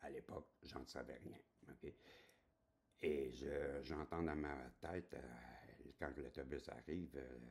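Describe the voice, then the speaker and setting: A man's voice: extremely low pitch, fairly even intonation, takes it slowly, creaky, darkish tone. A man in his sixties with a Québécois accent, telling a personal story in a rambling, chatty way and checking that viewers follow. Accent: Québécois French. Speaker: spiritual channel host.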